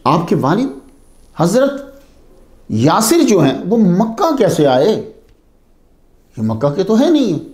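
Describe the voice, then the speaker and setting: A male religious teacher with a fairly high voice that swings up and down a lot as he lectures his students. He poses rhetorical questions, answers them himself, and repeats key terms to drive them home. The room around him sounds echoey. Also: huge pitch swings, takes it slowly, long pauses, a little mellow.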